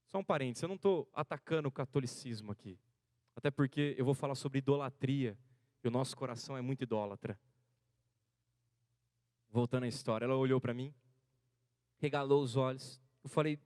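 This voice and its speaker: A man in his thirties from Brazil, a seminarian preaching a sermon built around a personal story, his delivery swinging between hushed and loud, rising passages. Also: mid-range voice, dry recording, studio quality. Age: 30s. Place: church hall.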